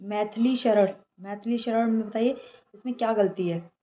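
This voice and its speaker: A woman's voice: a little high, fairly even intonation, normal speed, lo-fi sound. A woman teacher giving a spelling lesson, her voice a little down because she is unwell, repeating each correction and checking in often. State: voice slightly down from feeling unwell. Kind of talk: spoken Hindi spelling lesson.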